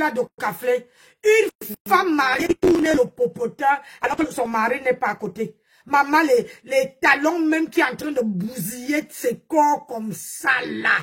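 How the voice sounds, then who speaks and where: A woman's voice: high voice, fairly bright tone. A woman, ranting mockingly during a live stream, scolding and exclaiming while nursing a strained voice. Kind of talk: live-stream gossip rant.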